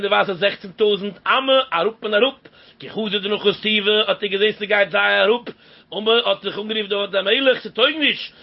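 A man with a high voice teaches a religious lesson on scripture. His delivery is lively, and his pitch climbs sharply on stressed words. The recording is dull and lo-fi. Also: gravelly.

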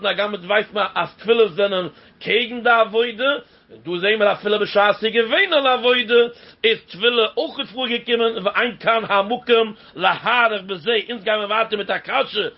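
High-voiced man teaching, dull lo-fi sound. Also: breathy edge. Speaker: religious teacher. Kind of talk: religious lesson on scripture. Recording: dull lo-fi recording.

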